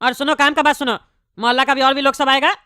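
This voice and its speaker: A bald, pompous neighbourhood politician, voiced by a woman in a cartoon comedy, high-pitched and bright. He talks in a bossy, rambling way and consoles people tactlessly. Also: fairly even intonation, quick pace, no echo, clean studio sound. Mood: consoling.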